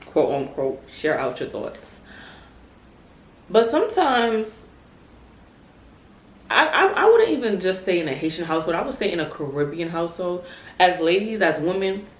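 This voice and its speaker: She's a podcast host from Brooklyn, New York City, with a low voice and a chatty manner, peppering casual talk with animated words like "child" and "honey." The sound carries the echo of a room and some faint noise.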